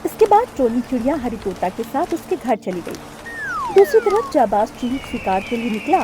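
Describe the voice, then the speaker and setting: A woman narrating a children's cartoon story in a clear, expressive storytelling voice, recorded as a studio voice-over. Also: sits high, normal speed, noisy background.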